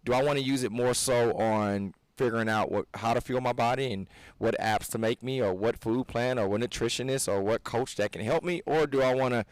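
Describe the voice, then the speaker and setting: Brisk and barely pausing, a mid-range male voice delivers casual podcast talk from a fitness coach and co-host in his thirties. He's earnest and preachy, rambling and starting over, in poor-quality audio with no echo.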